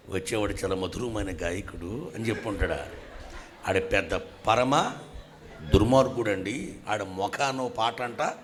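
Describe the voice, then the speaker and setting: A man's voice: medium pitch, a bit bright, slight background noise. A man, a pastor giving his testimony in church and acting out the dialogue in different voices. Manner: acts out dialogue with shifting voices. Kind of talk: animated storytelling testimony.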